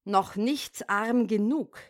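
A woman voicing a small, vengeful sparrow in a storybook reading, with a sharp, taunting manner. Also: mid-range voice, slow, close to an everyday voice. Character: vengeful defiant little sparrow.

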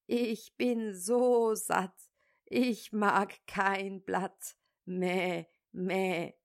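A woman voicing a deceitful female goat in a fairy tale, bleating and whining in a slow storybook reading. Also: medium pitch, steady tone. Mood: smug contented. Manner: bleating, whiny complaint.

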